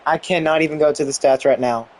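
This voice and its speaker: A young man giving excited commentary on a football video game he is playing, exclaiming and mildly swearing. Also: a little high, quick pace. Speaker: gaming YouTuber.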